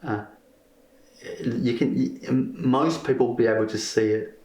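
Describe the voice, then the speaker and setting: A man from Vietnam who answers interview questions haltingly, searching for his words. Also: medium pitch, darkish tone. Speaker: crystal healer being interviewed. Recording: roomy echo.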